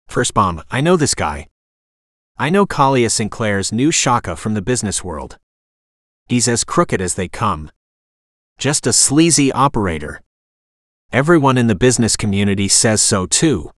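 A man's voice: fairly low pitch, big pitch swings, moderate pace, dry recording, studio quality. A male narrator playing a cocky young man who talks in casual slang and grandstands as a prosecutor in an audiobook. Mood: brash. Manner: casual slang, showy, whiny at times.

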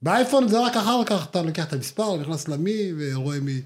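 Rambling man with a higher voice. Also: expressive. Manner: slangy, rambling storytelling with many fillers. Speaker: podcast co-host. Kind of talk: casual chat.

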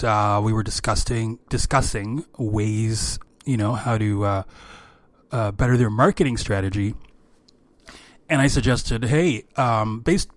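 A man hosting an informal solo podcast of business tips in a strained, worn voice, speaking haltingly and often repeating words. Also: fairly low pitch, no echo. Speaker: podcast host, creative director.

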